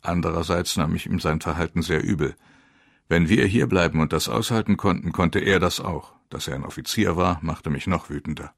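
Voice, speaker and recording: A man giving grave, measured first-person narration of a war memoir. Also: deep voice, vocal fry, no echo, studio quality.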